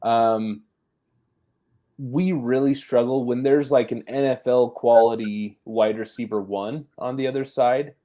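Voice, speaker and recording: A man's voice: medium pitch, steady tone, measured pace, warm tone. A man co-hosting a casual postgame football podcast, talking it over in a thoughtful, hedging way with plenty of fillers. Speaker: sports podcast co-host.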